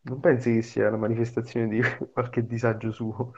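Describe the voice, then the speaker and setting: Flat, creaky, deadpan young man. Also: medium pitch, normal speed. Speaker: podcast co-host. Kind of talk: casual chat. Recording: dull lo-fi online call audio.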